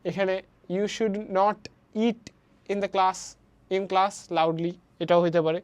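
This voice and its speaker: A Bangladeshi woman teaches a primary-level English lesson online, switching between Bangla and English and reading the example sentences slowly. Her voice sits at medium pitch with a slightly mellow quality.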